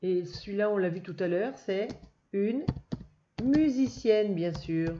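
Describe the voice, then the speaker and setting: A first-grade teacher with a mid-range, animated, warm voice records a slow-paced reading lesson for young children. She is patient and praises the listener often, and the recording is dull and lo-fi with faint noise.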